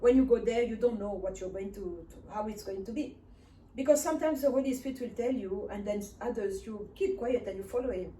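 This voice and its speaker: In an echoey room with faint hiss and a distant microphone, an earnest woman minister delivers a personal testimony sermon. Her voice is warm and medium-pitched, and she talks fairly quickly. She is from Africa, speaks Swahili as her first language, and stresses her points emphatically by repeating phrases.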